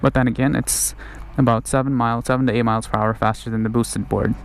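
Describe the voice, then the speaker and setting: A man's voice: medium pitch, level tone, quick pace. Man talking while riding, outdoor noise. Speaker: vlogger reviewing an electric skateboard. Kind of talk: casual point-of-view ride commentary. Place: outdoors on a street. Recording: outdoor ride noise, passing vehicles. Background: vehicle and ambient noise.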